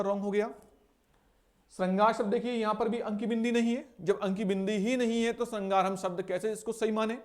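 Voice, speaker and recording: A young man with a high-pitched voice teaches an exam-prep lesson. He asks his own questions and answers them, and slowly repeats words to show how they are spelled and pronounced.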